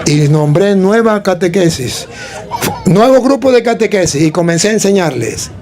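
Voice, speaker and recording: High-voiced preaching priest. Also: male voice. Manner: animated storytelling, acting out voices. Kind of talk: sermon.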